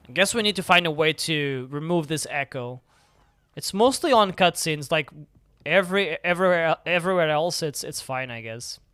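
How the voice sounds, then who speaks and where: A man's voice: a little high, lively intonation, moderate pace, sharp tone, smooth, dry recording. A young man streaming a video game live, chatting casually and rambling with lots of filler words. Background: faint game music.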